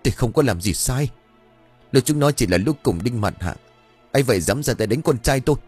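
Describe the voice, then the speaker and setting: A man's voice: mid-range voice, expressive, fairly quick, a little mellow, husky, soft background music, pitched above the performer's own voice. A man voicing a haughty, ruthless lady of the house in a spoken story. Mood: cold. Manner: haughty and cold. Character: cold ruthless middle-aged lady of the house.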